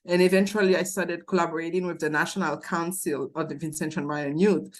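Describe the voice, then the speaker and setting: A woman in her forties with a Haitian accent and a fairly low voice speaks as a guest in an interview. She is earnest and reflective, restarting her sentences now and then as she recalls her past. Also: fairly even intonation, a little fast. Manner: earnest, thoughtful, with frequent restarts.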